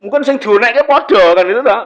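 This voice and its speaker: A man's voice: very high-pitched, expressive, brisk, dull audio. A middle-aged man with a Javanese accent giving a religious study talk, chatty and joking, laughing often and slipping into Javanese. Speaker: preacher.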